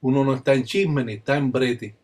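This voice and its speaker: Husky older Cuban man preaching solemnly. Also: medium pitch, brisk, darkish tone. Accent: Cuban Spanish. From Cuba. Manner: solemn, insistent, bursts into rhythmic chanted call-and-response phrases. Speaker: religious elder and teacher. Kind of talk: spoken religious teaching with ritual chanting.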